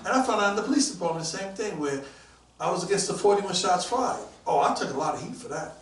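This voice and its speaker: A man around sixty, a police detective guest telling stories in a casual interview. He is animated and acts out the voices of people he quotes. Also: high-pitched, fast talker. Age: about 60. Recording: roomy, mic at a distance.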